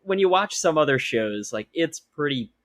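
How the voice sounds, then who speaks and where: A man's voice: on the high side, animated, moderate pace, a bit bright. A man hosting a podcast in casual chat, rambling with lots of fillers. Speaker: podcast host.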